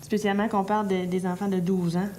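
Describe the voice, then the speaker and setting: A woman, speaking in a measured, skeptical way in a casual discussion. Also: medium pitch, little pitch movement, a little mellow, slight background noise.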